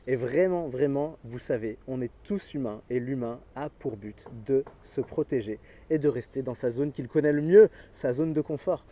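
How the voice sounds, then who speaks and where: A man giving an energetic motivational talk to camera about sport, speaking directly to his viewers and chuckling often. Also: medium pitch, normal speed, few pauses, a little hiss or hum.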